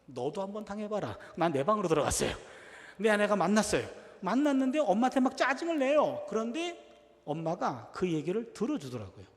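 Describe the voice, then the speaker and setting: Man, middle-aged, pastor, sermon, lively storytelling, long hall reverb. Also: sits high, fairly quick. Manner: animated storyteller acting out family dialogue. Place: church sanctuary.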